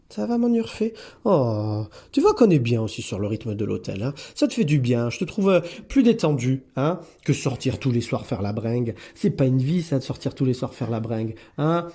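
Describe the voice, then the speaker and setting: A man's voice: medium pitch, dark tone. A man who runs a cat hotel, chatting in a casual vlog and talking affectionately to the cats. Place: indoor cat boarding room.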